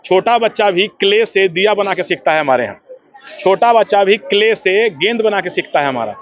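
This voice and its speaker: Man, school head, emphatic lecturing tone, high pitch, dull lo-fi sound. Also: lively intonation, normal speed, fairly bright tone, dry recording. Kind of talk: speaking to a news camera. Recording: dull lo-fi news audio.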